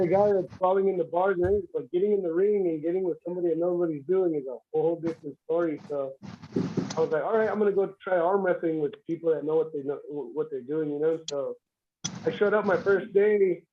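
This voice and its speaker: A man's voice: high-pitched, quick pace, slight background noise. A man on a livestream telling a story about how he started armwrestling, with lots of restarts and fillers. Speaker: armwrestling competitor guest. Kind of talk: casual livestream chat. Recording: dull lo-fi stream audio.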